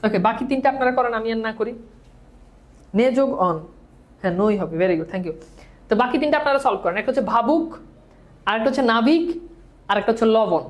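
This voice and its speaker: A woman's voice: a little high, animated, a little fast, pauses often. A woman teaching grammar in a classroom lecture, leading students in call-and-repeat drills, mixing English words into her speech, and correcting herself patiently.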